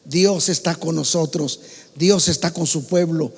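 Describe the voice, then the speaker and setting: A man with a Mexican Spanish accent preaching a sermon to his congregation, swinging between loud calls and soft asides. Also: fairly high pitch, a little slow, husky, long reverb tail. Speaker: pastor. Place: church hall.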